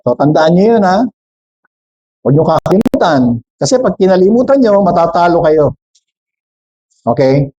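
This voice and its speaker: Filipino guy preaching, mixes tagalog and english, warm low-key tone, kinda muffled recording. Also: animated, moderate pace, pauses often, husky. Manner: mixes Tagalog and English, asks the congregation questions; jokes with the congregation. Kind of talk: sermon.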